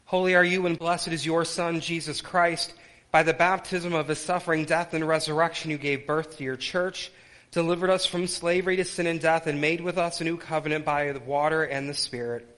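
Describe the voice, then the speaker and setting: A male pastor with a somewhat high voice leads a church service. He delivers sermon and liturgy solemnly, shaping his words in short, measured clauses. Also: fairly even intonation, a bit bright, poor audio. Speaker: pastor leading worship and communion.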